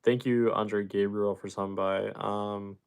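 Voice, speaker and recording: Low, smooth-voiced male streamer chatting. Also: little pitch movement, a little slow. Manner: reads viewer comments aloud and answers them loosely; rambling, with fillers and restarts. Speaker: live streamer. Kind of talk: casual live stream chat.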